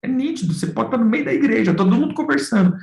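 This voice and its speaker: A man's voice: very high-pitched, lively intonation, very fast, creaky, a little mellow, reverberant, rough recording. A man with a Brazilian Portuguese accent preaching a sermon, firing off rhetorical questions and calling his listeners brothers and dear ones. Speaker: pastor.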